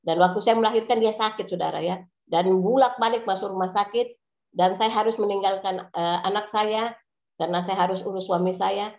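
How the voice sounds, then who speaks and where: A woman's voice: medium pitch, steady tone, a little fast, a little mellow. A middle-aged woman pastor giving an earnest testimony sermon, often addressing her listeners directly. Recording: echoey, slightly dull recording.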